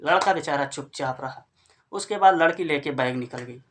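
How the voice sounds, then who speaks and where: A man's voice: a little high, moderate pace, fairly bright tone. A man from northern India retelling a family story in a casual, conversational way and addressing listeners as friends. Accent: Hindi-speaking northern India.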